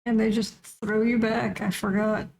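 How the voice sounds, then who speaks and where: A woman's voice: mid-range voice, level tone, normal speed, gravelly, a little mellow, a little hiss or hum. A woman streaming a game live, joking casually and reading its lines aloud in a plain voice.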